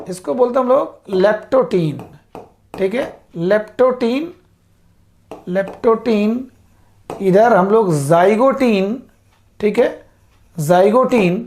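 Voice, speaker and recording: A woman's voice: a little high, vocal fry, darkish tone. A woman teacher explaining biology terms to students, repeating key words and checking in after each point. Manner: repeats "ठीक है" to check understanding, drills terms slowly; addresses students as "साथियों". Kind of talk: whiteboard lecture.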